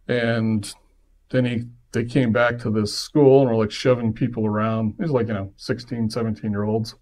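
A man's voice: mid-range voice, moderate pace. A man hosting a podcast, telling a personal story casually and acting out the voices of the people in it. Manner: lively, acts out quoted voices in his stories. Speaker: podcast host.

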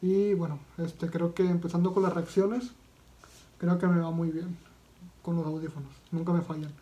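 A man's voice: a little high, little pitch movement, normal speed, dark tone, lo-fi sound. A man with a Mexican accent doing casual reaction commentary as a video vlogger, talking in a slangy, profane way with lots of fillers and restarts.

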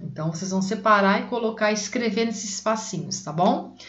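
A woman teaching a reading lesson to young children, patient, repeating words slowly and breaking them into syllables. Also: mid-range voice, a bit bright. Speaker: primary school teacher. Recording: echoey room, dull lo-fi sound.

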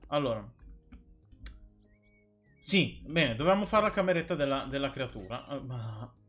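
A man's voice: mid-range voice, lively intonation, brisk, a bit bright, faint music behind. A man streaming a game live, chatting and joking with his viewers as he plays. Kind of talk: casual live gameplay commentary.

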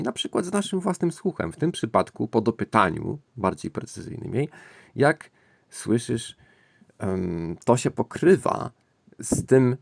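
A man hosting a language-learning lesson, talking it through in a thoughtful, musing way and often pausing to find his words. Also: lowish voice, gravelly, darkish tone, no echo. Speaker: language-learning channel host. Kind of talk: explanatory screen-recording lesson.

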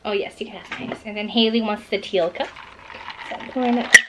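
A woman's voice: medium pitch, quick pace, very noisy. A woman hosting a casual mukbang vlog, chatting upbeat and playful with a child beside her. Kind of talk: casual chat to camera.

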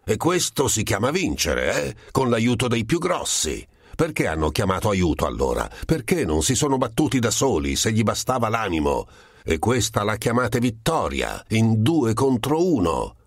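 A man voicing a choleric middle-aged monk who shouts and sputters insults, read as an audiobook character. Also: lowish voice, sing-song, unhurried, dry recording, studio quality, pitched above the performer's own voice. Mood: furious.

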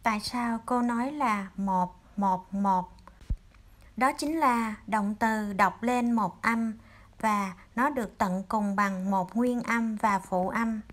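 A woman teacher with a Vietnamese accent speaks to her young pupils in a slightly high voice. She goes slowly and patiently, drawing out each example word. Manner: calls herself teacher, addresses pupils as children, drawn-out example words. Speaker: English teacher. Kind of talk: slow, patient grammar lesson for children.

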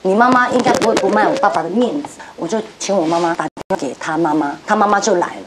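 A woman's voice: medium pitch, fast, heavy background noise. A woman in her forties on a talk show, animatedly telling a story and acting out the voices. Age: 40s. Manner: acts out voices and gasps while telling a story.

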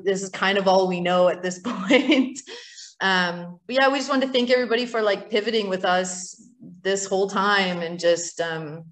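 A woman who owns a business gives a chatty thank-you speech for an award, with many fillers and restarts. She speaks from a distillery still room, and her voice echoes around it. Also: fairly low pitch. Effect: room echo around the voice. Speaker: business owner accepting an award.

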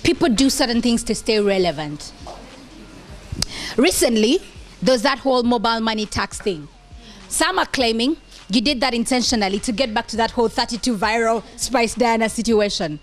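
A woman's voice: a little high, animated, moderate pace, soft background music. Teasing Ugandan woman talk host. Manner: teasing, playful. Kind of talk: casual talk-show chat. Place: hair salon studio set. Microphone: handheld.

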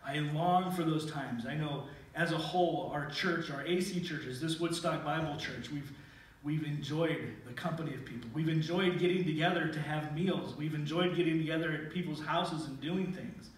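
A middle-aged man preaches in a church sanctuary, reading scripture aloud with earnest emphasis into a pulpit mic. His voice is a little high and his pace normal, and the far-off camera captures a very echoey hall.

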